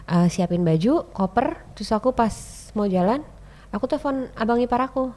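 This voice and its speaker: Animated woman telling her story. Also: normal speed. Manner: animated, acts out quoted people with sharp jumps in pitch and loudness; chatty, keeps addressing the host as "Mas". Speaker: podcast guest. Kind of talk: casual storytelling chat.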